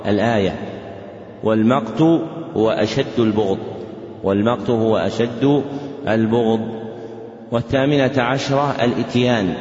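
A male Islamic scholar giving a dictated religious lesson in a large mosque, speaking in measured phrases and repeating each one twice, with scripture lines chanted slightly. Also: mid-range voice. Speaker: Islamic scholar teaching a class. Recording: echoey, dull lo-fi hall recording.

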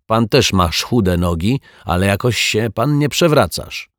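A man doing a grumpy shouting lodger. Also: fairly low pitch, lively intonation, measured pace, dry recording, studio quality, pitched above the performer's own voice. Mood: surly. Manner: shouting, snarling, indignant. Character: grumpy lazy male lodger, lying, quick-tempered.

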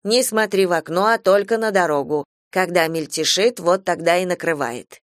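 A woman's voice: lowish voice, moderate pace, no echo, close to an everyday voice. A woman voicing a stern, protective elderly grandmother who scolds indignantly, with a dry close sound. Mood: soothing.

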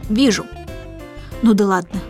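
A woman voicing a grumbling middle-aged father in a storybook reading, loud and hurried. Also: mid-range voice, faint music behind, natural voice. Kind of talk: audiobook character reading.

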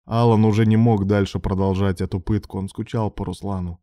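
A man narrating a romance audiobook in an even, measured reading. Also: fairly low pitch, no room sound.

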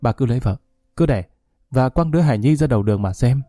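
A man's voice: medium pitch, lively intonation, fast, warm tone, no room sound, studio quality, soft background music, natural voice. A man voicing a bitter, sarcastic young son. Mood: mocking. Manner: mocking, coolly sarcastic.

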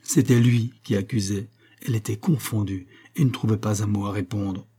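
A man narrates a nineteenth-century style novel in a steady, measured storytelling voice. His tone is dark and mellow, with a slightly husky edge to it. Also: fairly low pitch. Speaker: audiobook reader.

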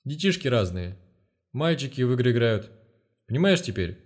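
A man voicing a shifty, evasive male street dealer in an audiobook, with a wheedling, higher voice. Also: sing-song, moderate pace. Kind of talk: audiobook character reading.

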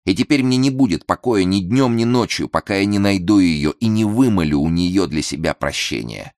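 In a dry, studio-quality recording, a man with a low, expressive, darkish voice speaks at a moderate pace, pitching himself above his natural register. He is voicing a proud young boy in a storybook tale, giving the character a harsh, scornful way of talking, and the mood is remorseful.

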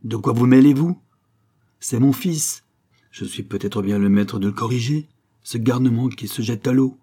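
A man voicing a huge, tyrannical middle-aged father who shouts threats at his son. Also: mid-range voice, moderate pace, breathy edge, close to an everyday voice. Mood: furious.

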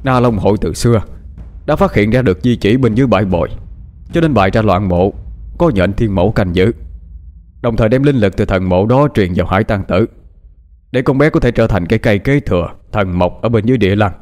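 A man voicing a furious, defiant young hero who shouts insults at his captors in an audiobook story. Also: fairly low pitch, fairly quick, close to an everyday voice. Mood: probing.

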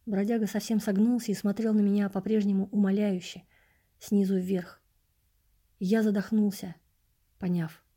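Mellow-voiced woman narrating a story. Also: mid-range voice, level tone, normal speed, long pauses. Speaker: audiobook reader. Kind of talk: scripted narration.

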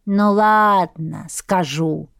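A woman's voice: on the low side, extremely slow, gravelly, a bit bright, full character voice. A woman voicing a gossipy, grumbling old village woman who rambles in folksy talk. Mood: grudging.

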